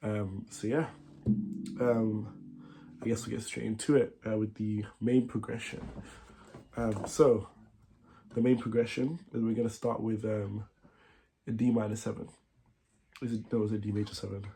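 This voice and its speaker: A man with a cold, sounding nasal and congested, teaching a guitar song in a halting, casual way with many fillers and self-corrections. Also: on the low side, flat delivery, vocal fry. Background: guitar playing.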